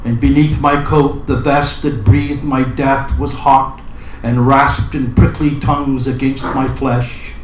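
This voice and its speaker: Measured male poet in a roomy space. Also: medium pitch, flat delivery, soft background music. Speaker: poet at an open mic. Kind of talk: spoken introduction and dramatic poetry recital. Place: indoor open mic event room. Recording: roomy live recording with background noise.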